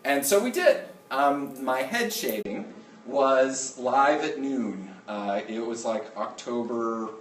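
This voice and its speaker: A man, a middle school teacher, making an informal, halting announcement to his class and often checking in with an okay. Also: mid-range voice, expressive. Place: indoor classroom with students. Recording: roomy classroom, distant mic, faint noise.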